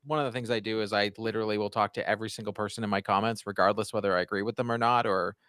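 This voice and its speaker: A man's voice: fairly low pitch, steady tone, rapid-fire, bright, forceful tone, smooth, no echo, studio quality. A man in his forties from Canada, chatting casually about his hockey channel with plenty of fillers and restarts. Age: 40s. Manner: chatty, rambling, lots of fillers. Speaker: hockey YouTuber guest. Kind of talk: casual podcast chat.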